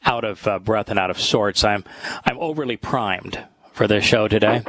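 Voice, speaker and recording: A man with a lowish voice hosts a talk program built around scripture study. He talks in a halting, thoughtful way, pausing often as he works through his points. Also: fairly bright tone, rough recording. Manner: halting, thoughtful, with many pauses. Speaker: host.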